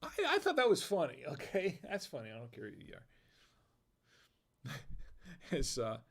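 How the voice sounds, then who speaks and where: A man's voice: a little high, huge pitch swings, moderate pace, a bit bright. American man laughing at his own dad jokes. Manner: reads chat comments aloud. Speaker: livestream host. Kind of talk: casual live-stream chat.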